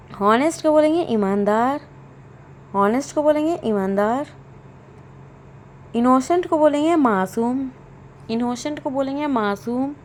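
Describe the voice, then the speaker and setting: Slow, repetitive woman English tutor. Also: high-pitched, darkish tone, a little hiss or hum. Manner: repeats each word pair twice, slow and deliberate. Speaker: English teacher. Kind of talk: slow vocabulary drill.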